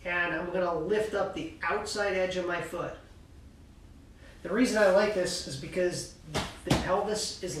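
A male ski coach gives an instructional demonstration in a cluttered indoor ski workshop, calmly explaining with coaching cues as he shows the moves. His voice is high with vocal fry, picked up by a distant camera in an echoey room with slight background noise.

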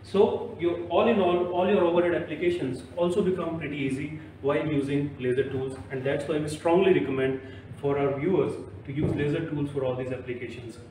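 A man's voice: a little high, steady tone, fairly quick, mellow, slight background noise. Indian man with an echoey, distant sound. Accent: Indian English. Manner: persuasive, keeps recommending. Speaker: product presenter. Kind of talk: on-site product demo chat. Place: construction site, then service center.

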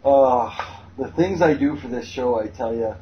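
A man co-hosting a show, bantering casually in a halting, rueful way on a lo-fi recording. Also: mid-range voice. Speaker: show co-host. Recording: dull lo-fi with faint background noise.

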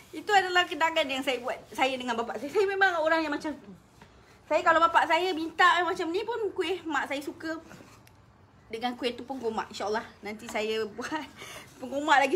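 A woman's voice: sits high, sharp tone, slight background noise. A woman with a Malaysian accent, chatting through a cooking demo in her kitchen while telling personal stories, laughing often. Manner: talkative, laughs often, emotional storytelling. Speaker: cooking vlogger. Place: home kitchen.

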